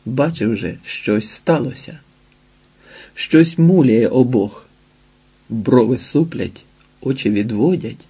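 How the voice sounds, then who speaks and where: A male narrator reads a literary audiobook in a measured, steady way. His voice is dark and mellow. It carries a husky texture throughout. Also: mid-range voice.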